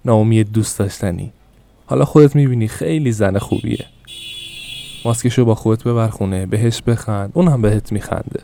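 A man voicing a gentle, persuasive young shopkeeper in an audiobook, soothing and coaxing as he sells. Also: fairly low pitch, creaky. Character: gentle persuasive young male shop salesman.

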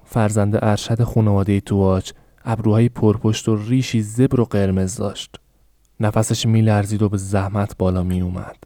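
A man narrating a novel for a podcast in a calm, measured reading. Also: fairly low pitch, no echo, clean studio sound. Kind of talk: scripted audiobook narration.

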